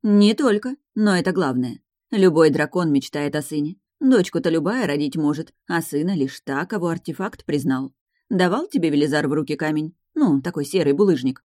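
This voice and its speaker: A woman voicing a haughty, sharp-tongued dragoness lady in an audiobook, talking high, loud and scornful. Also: lively intonation, moderate pace, no room sound, clean studio sound. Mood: knowing. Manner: scornful, commanding, raised and loud. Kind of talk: audiobook character reading.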